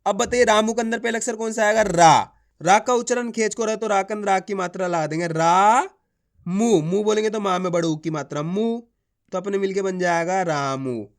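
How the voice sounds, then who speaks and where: High-voiced man teaching letters. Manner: drawn-out words, repeats each word to the learner; addresses viewers as friends, asks and answers his own questions. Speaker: Hindi teacher. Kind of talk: slow spelling lesson for beginners.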